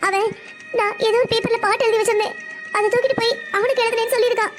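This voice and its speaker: A woman's voice: very high voice, steady tone, rapid-fire, over music. A woman voicing a heartbroken seventeen-year-old girl in a family cartoon, complaining through tears. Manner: tearful, complaining. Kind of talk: cartoon voice acting.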